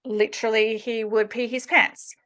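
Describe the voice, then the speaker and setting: Higher-voiced woman host, emphatic. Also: flat delivery, moderate pace, a bit bright. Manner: emphatic, explanatory. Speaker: podcast host. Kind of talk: interview questions and commentary.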